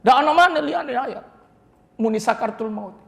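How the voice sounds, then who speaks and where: A man's voice: very high voice, animated, moderate pace, gravelly. A man preaching a mosque sermon, telling stories with chuckles and asides. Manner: storytelling with Javanese asides and chuckles. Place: mosque hall. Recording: reverberant mosque hall.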